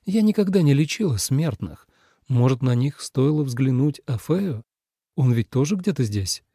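A man reading an audiobook voices a young female celestial fox healer who speaks gently and apologetically. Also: medium pitch, lively intonation, normal speed, slightly rough, no echo, clean studio sound. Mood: gentle.

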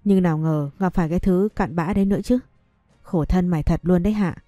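A woman's voice: fairly low pitch, quick pace, warm tone, dry recording, clean studio sound, soft background music, close to an everyday voice. A woman voicing a motherly older market vendor in an audio story, speaking with fussing affection. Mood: caring.

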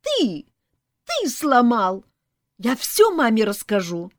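Woman doing shrill little children. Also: a little slow, no echo, clean studio sound. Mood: tattling. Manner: whiny, shrill and excited.

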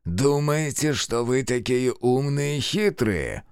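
A man's voice: mid-range voice, sing-song, unhurried, dry recording, clean studio sound, pitched above the performer's own voice. A man reading an audiobook voices a furious, cornered male art criminal who barks insults. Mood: sneering. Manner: snarling, barking insults.

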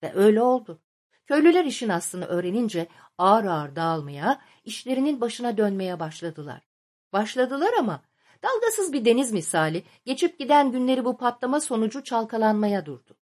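A woman reading a novel aloud as an audiobook narrator, in a measured, literary storytelling manner. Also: a little high, big pitch swings, a little mellow.

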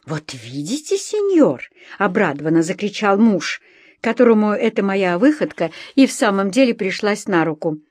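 Audiobook narrator: woman, expressive first-person read, dry close sound. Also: mid-range voice, normal speed, no room sound. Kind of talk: audiobook reading of a novel.

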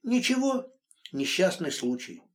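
A man's voice: very animated, unhurried. A man voicing a distraught young woman, pleading and emotional. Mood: defensive. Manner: pleading, emotional, rising pitch.

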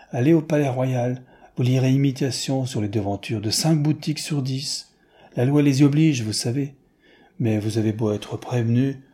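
A man voicing a chatty, boastful middle-aged male expatriate who speaks in a confiding, lively way. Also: close to an everyday voice. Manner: confiding, animated, raised pitch.

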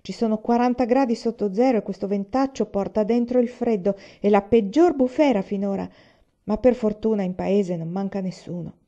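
A woman reading aloud and voicing a hardy, cheerful pioneer father who speaks briskly. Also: mid-range voice, dark tone, natural voice. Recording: slightly dull lo-fi recording.

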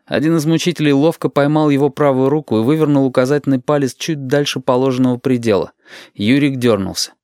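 A man's voice: medium pitch, quick pace, darkish tone, no echo. Man narrating an audiobook, dry sound.

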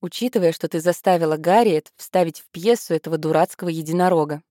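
A woman's voice: on the low side, fast talker, warm tone, no room sound, clean studio sound, close to an everyday voice. A woman voicing a sly, teasing younger sister in an audiobook.

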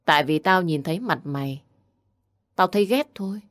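A woman's voice: fairly low pitch, lively intonation, moderate pace, no echo, clean studio sound, close to an everyday voice. A woman voicing a spiteful young woman who taunts and insults in an audio story. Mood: taunting. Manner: taunting, insulting, picking a fight.

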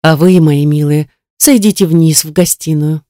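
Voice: medium pitch, steady tone, a little slow, mellow, no echo, studio quality, lightly acted. A reader voicing an anxious mother, grieving over her sick son and pleading tearfully, in an audiobook. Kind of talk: audiobook character reading.

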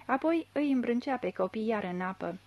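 A woman reading a literary novel aloud in a measured, even storytelling manner into a close studio mic. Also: a little high, lo-fi sound. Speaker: audiobook reader. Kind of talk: scripted literary narration.

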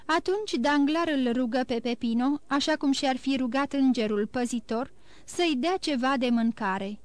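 A woman narrating an audiobook in an even, measured reading. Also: high voice, no room sound. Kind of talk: scripted narration.

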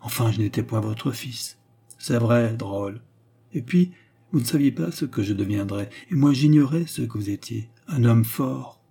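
A man voicing a polite young gentleman rogue who speaks in a deferential, composed way. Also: mid-range voice, normal speed, gravelly, slightly rough. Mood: pleading.

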